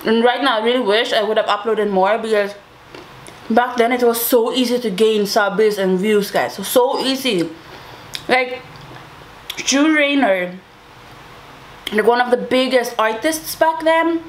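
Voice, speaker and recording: A young woman with a fairly high voice talks casually to her viewers. She tells a personal story in an informal, chatty way, addressing the listeners directly. A little background noise sits behind her voice. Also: a little slow, pauses often, poor audio. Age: young adult. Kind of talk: casual storytime chat to camera.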